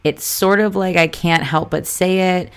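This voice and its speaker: Woman, deep and fry-edged, easygoing solo podcast host, close mic, chatty and casual. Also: fairly even intonation, unhurried. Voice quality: vocal fry. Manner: chatty, loose and informal, with frequent fillers and asides.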